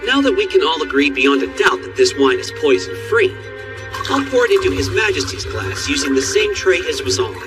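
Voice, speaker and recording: Animated teenage boy playing amateur sleuth. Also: high-pitched, distant mic. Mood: assured deduction. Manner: amateur sleuth theatrically laying out deductions. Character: teenage boy amateur sleuth, polite, playful, cleverly showing off. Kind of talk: English anime dub acting.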